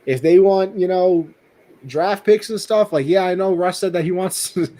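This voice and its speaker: A young man co-hosting a sports podcast, chatting casually and excitably, tripping over his words now and then. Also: normal speed. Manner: excitable, jumps in pitch, trips over words. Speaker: podcast co-host.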